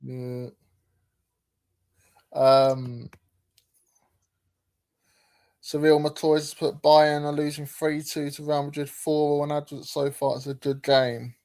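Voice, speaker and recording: A man's voice: fairly high pitch, little pitch movement, slow pace, darkish tone. A man hosts a casual football livestream. He reads chat comments aloud and talks through them with plenty of hesitant ums and restarts. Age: 30s. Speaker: livestream host.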